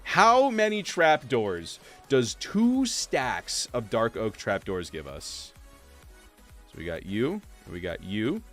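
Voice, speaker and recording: A young man chatting casually on a game livestream, answering viewers and filling pauses with "like" and "uh". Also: mid-range voice, big pitch swings, soft background music. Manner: chatty, reads and answers chat, many fillers. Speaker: streamer. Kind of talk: casual livestream chat while playing.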